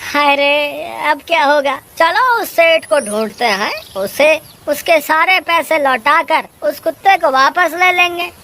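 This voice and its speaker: A woman acting out a panicky, bossy trickster man from a children's cartoon. He whines and wails in a high voice, and a light hiss sits behind him. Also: measured pace, few pauses, sharp tone. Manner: whiny, panicky wailing.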